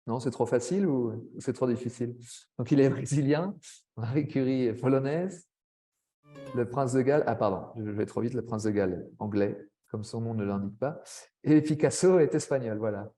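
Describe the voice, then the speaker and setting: A man giving a webinar presentation to language teachers, chatty, with frequent tag words and quick asides. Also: mid-range voice, mellow. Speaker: French language teacher trainer.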